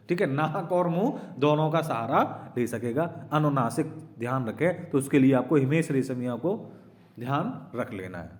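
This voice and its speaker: Male Hindi teacher sounding out vowels. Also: on the high side. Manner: explains patiently, often checks with "right?"; addresses students as children. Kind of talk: exam-prep lecture.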